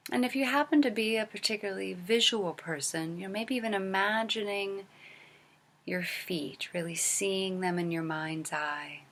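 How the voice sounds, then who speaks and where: A woman with a medium-pitched voice leads a guided body scan as a meditation teacher. She takes her time and speaks gently, pausing at length and trailing off each phrase softly and breathily.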